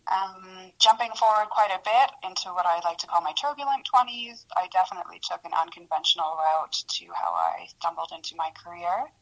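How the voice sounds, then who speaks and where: Thirties woman, native Hungarian speaker, slightly low voice, candid and self-mocking guest. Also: very animated, brisk, few pauses, poor audio. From Canada. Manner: candid, reflective, laughs at herself. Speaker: radio guest, producer. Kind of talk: interview.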